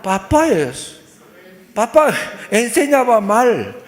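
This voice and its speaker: Slow, lively pastor preaching. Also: male voice, extremely high pitch, long reverb tail. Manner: simple broken Spanish, rhetorical questions, acts out dialogues. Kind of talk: sermon. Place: church.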